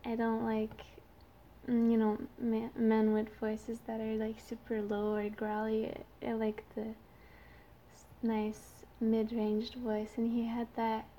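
A young woman with a youthful, lightly high voice and a Quebec French accent from her native French. She talks slowly in a casual, shy, hesitant way, as if chatting to her listeners. Some background noise sits behind her. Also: completely flat delivery, warm tone, highs cut off. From Canada. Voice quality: youthful-sounding voice. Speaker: amateur audio creator.

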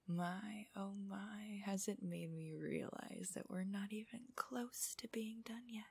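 Soft breathy whispering woman, very close. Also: medium pitch, no room sound. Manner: slow, intimate, teasing. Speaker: host of erotic relaxation audios. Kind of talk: whispered ASMR audio narration for adults.

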